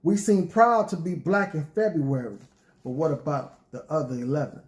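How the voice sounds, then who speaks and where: A man giving a spoken-word poetry reading in a declamatory, measured delivery. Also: a little high, animated, a little mellow, roomy sound.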